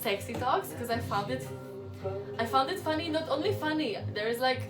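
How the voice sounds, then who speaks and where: Bubbly woman, high voice, roomy sound. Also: expressive, moderate pace, recorded from a distance, music in the background. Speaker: channel host. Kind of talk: casual spiritual chat. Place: flat in London.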